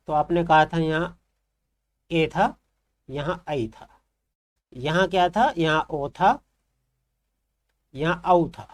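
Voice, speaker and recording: Hindi-speaking male teacher quizzing the class. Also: fairly high pitch. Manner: repeats terms and asks questions to the class. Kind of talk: classroom lesson.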